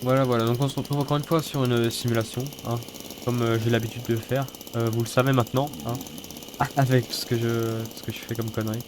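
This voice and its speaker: A man's voice: mid-range voice, level tone, a little fast. A man with a stuffy, sniffly nose from a cold, giving casual, sweary, mock-grumbling let's-play commentary. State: has a head cold. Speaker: gaming video host. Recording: noisy, engine and rattling mechanical game sounds. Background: game car engine and mechanical clatter.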